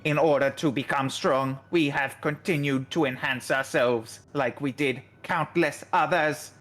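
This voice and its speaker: A man voicing a stiff, formal android researcher in a video game, with a Dalek-like robot voice and slow, flat, measured speech. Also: medium pitch, faint music behind. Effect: Dalek-like robot voice done by mouth. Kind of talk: voicing a game character while streaming.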